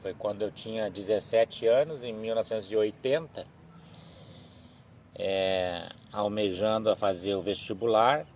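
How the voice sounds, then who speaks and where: Slow, halting man in his 60s. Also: lowish voice, a little mellow, a little hiss or hum. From southern Brazil. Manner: slow, halting, many restarts and tag questions. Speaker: evangelical live-stream speaker. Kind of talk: reflective religious talk on a live stream.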